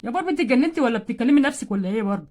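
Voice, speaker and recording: Woman putting on a nagging doll husband, Egyptian accent, deeper than her own voice yet still high, rapid. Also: expressive, a little mellow. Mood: scolding. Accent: Egyptian Arabic. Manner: nagging, exasperated. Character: grumpy scolding male doll husband.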